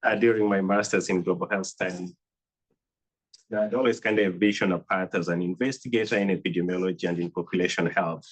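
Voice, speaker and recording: A man with a Kenyan accent speaks in a very low, fairly even voice, hoarse from a cold. He introduces himself to an audience as a doctor, pausing often as he goes. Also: rough recording. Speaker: oncology physician and faculty speaker. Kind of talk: informal self-introduction to an audience.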